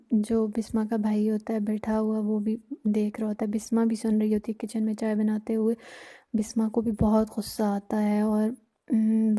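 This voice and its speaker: A woman's voice: a little high, warm tone. A woman retelling a TV drama episode off the cuff, hesitating often with fillers as she goes. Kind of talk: unscripted story recap.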